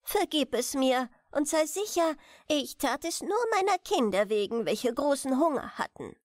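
Lady doing a tiny old dwarf king from a german fairy tale, high voice, very up and down, solemn and pleading. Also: expressive, normal speed, no echo, studio quality. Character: small grey dethroned dwarf king, aged, pleading, solemn.

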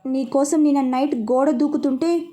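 A woman's voice: sits high, steady tone, normal speed, dark tone, close to an everyday voice. A woman voicing a devoted, teasing young woman in love, who speaks in a playful, affectionate way. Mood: tender.

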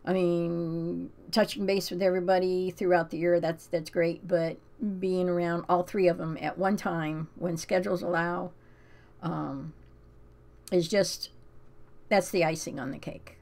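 Older woman host, slightly low voice, loose rambling chat full of ums, reads scripture. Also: steady tone, unhurried, gravelly, a little mellow. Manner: rambling, frequent ums and restarts; emotional, close to tears. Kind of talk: casual chat and scripture reading.

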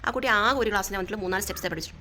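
A woman's voice: medium pitch, racing. A woman who teaches dance speaks in a casual vlog and sounds weary and stressed. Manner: weary, stressed, talks about her struggles. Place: at home. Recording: loud background noise. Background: children crying at home.

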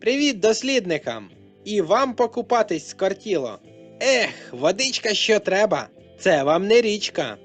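Guy putting on a high-pitched cheerful teen boy, sporty and chatty, upbeat storybook voice, quiet guitar under it. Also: sing-song, moderate pace. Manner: loud, upbeat, exclamatory.

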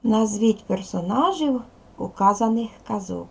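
Gravelly-voiced woman teaching children. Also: medium pitch, expressive, unhurried. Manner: questioning, patient. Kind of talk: video lesson for children.

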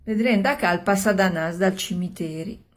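A woman's voice: medium pitch, normal speed. A woman in her sixties with a Milanese accent tells an old tale in a colloquial, conversational way, in short phrases with interjections, acting out the dialogue. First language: Milanese dialect. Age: 60s. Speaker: storyteller. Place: small room at home.

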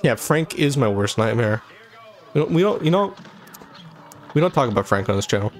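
Young male let's-play host, crude running commentary, average pitch, faint music under it. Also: sing-song, fairly quick. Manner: swears constantly, trash-talks the boss, rambling jokes. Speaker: gaming channel host. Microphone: desk microphone.

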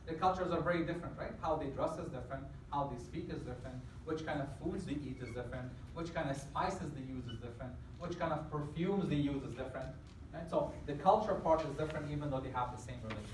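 Speaking quickly in a fairly high voice, this middle-aged guest lecturer from Afghanistan quizzes his campus audience as he explains. A far-off camera at the rear of the big hall catches him, giving an echoey sound with a little hiss or hum.

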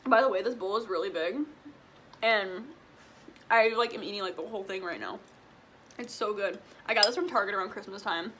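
In a small room at home, a twenty-year-old Illinois vlogger eats and answers viewer questions for a relaxed mukbang Q&A. Her mid-range voice is brisk, pushed, and bright, broken by long pauses, with a little hiss or hum in the audio. She's chatty and says "like" and "um" a lot.

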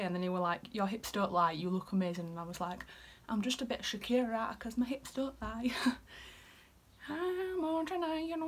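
A woman's voice: medium pitch, breathy edge. A young woman in her twenties with a Yorkshire accent, chatting casually as she reads out messages and often drops into a whisper. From Yorkshire, England. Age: 20s. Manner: chatty, giggly, dips into whispers. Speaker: vlogger. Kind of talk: casual chat reading out messages.

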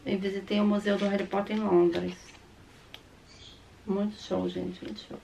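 A Brazilian woman in her fifties with a slightly hoarse, sore-throat voice, chatting casually to the camera as a vlogger showing her purchases. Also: mid-range voice, flat delivery, moderate pace, mellow, slight background noise. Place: small room at home, indoors.

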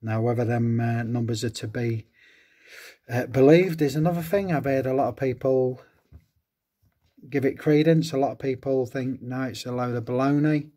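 A man chats casually through an unboxing. His pitch is middle-of-the-road for a man, and he keeps up a warm stream of admiring exclamations over each item. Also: steady tone, normal speed. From England. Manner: enthusiastic, fond exclamations. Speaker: host of a diecast collecting channel.

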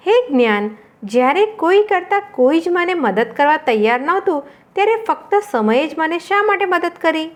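A woman voicing Love, a gentle male spirit who pleads for help. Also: sits high, big pitch swings, moderate pace, pitched above the performer's own voice. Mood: pleading.

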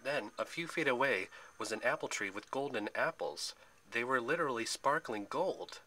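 Male storyteller, expressive read-aloud, bright and forceful. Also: medium pitch, moderate pace, poor audio. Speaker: narrator. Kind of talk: dramatic story narration.

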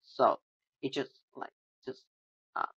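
A student walks through code from his project in a screen recording, speaking haltingly with lots of restarts and fillers in non-native phrasing. The sound is dull and lo-fi.

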